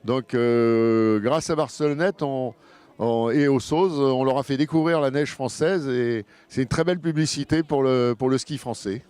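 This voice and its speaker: A man's voice: medium pitch, a little mellow, clean tone, no room sound. Hesitant man speaking outdoors. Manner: hesitant, many filler pauses. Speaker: district youth program head. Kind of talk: interview statement.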